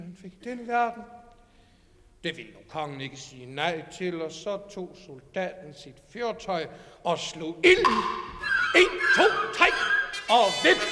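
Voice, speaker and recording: High-voiced man reading a fairy tale. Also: long reverb tail. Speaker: reader.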